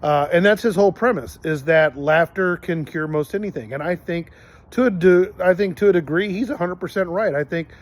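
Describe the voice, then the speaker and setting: A man's voice: high-pitched, brisk. A middle-aged man hosting a podcast, telling personal stories in an earnest, rambling way with many fillers and restarts. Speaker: podcast host. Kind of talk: casual storytelling monologue.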